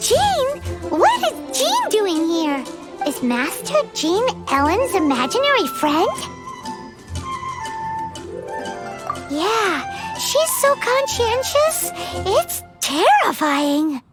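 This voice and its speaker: A woman voicing a tiny, chirpy, cutesy fairy companion with a squeaky childlike voice in an anime video game. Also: big pitch swings, slow pace, exaggerated voice. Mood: surprised. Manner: cutesy, refers to self in third person. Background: loud music.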